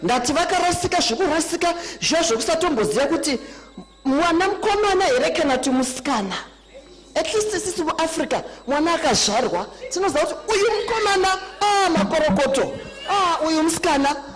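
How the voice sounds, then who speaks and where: A woman with a Zimbabwean accent preaching a conference sermon, emphatic, swinging between high peaks and low drops. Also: lively intonation, fast, low-quality recording.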